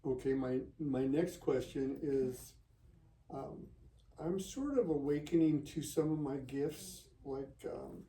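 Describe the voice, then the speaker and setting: A person in their seventies talking casually and haltingly, asking questions as a client in a session. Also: mid-range voice, dark tone. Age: 70s. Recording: roomy, echoing, distant from the mic.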